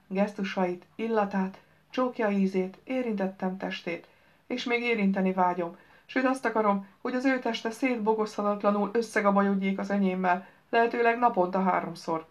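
A woman narrating a first-person novel as an audiobook in a wry, brisk storytelling manner. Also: mid-range voice. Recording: slightly dull lo-fi recording.

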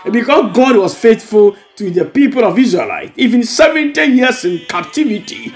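Over background music, a Ghanaian-accented pastor delivers a devotional with prayers and blessings, urging his listeners on and repeating phrases. He speaks at a normal speed in a high, very animated voice.

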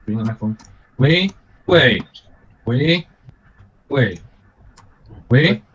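A man's voice: medium pitch, expressive, takes it slowly, fairly bright tone, breathy edge. A man chatting casually as a gaming partner, repeating himself as he checks his setup. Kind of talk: casual chat while troubleshooting audio. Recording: muffled mic with faint noise.

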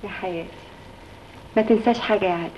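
An actress playing a teasing, affectionate young wife, speaking with an Egyptian Arabic accent. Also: female voice, medium pitch, very fast, a little hiss or hum, lightly acted. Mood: tender. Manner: teasing and coaxing. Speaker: young office-working wife. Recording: dull lo-fi old film soundtrack.

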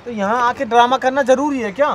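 A man's voice: extremely high pitch, fast talker, a bit bright, poor audio. A young man arguing with his partner on a boat outdoors, defensive and pleading with her to listen. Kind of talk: staged couple argument.

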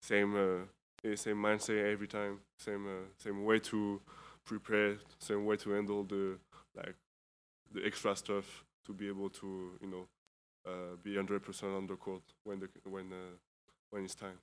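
A fatigued European basketball player in his 20s gives postgame press conference answers at a table mic in an indoor press room. His lowish, clean, resonant voice is smooth and nearly monotone, and he keeps pausing, using fillers and starting sentences over.

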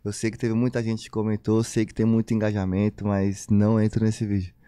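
A man's voice: fairly low pitch, monotone, brisk, dark tone, clear, resonant tone, no room sound. A young man from Brazil, a podcast guest telling a long story in casual, slangy talk full of repeated phrases.

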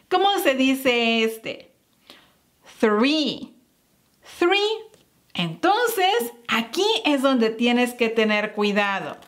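A young adult woman teaching English pronunciation to Spanish speakers, repeating each word slowly and with emphasis for learners to copy. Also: fairly high pitch, fairly bright tone. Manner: slow, emphatic repetition of words for learners. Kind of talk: slow, drilled pronunciation lesson.

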